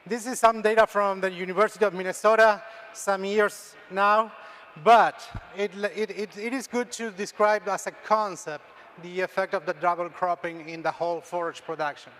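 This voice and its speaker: High-voiced man with an Argentine accent. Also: fairly even intonation, normal speed, fairly bright tone. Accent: Argentine Spanish. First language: Spanish. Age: middle-aged. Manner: frequent restarts and tag "okay?". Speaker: extension dairy scientist, presenter. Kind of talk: conference talk with slides.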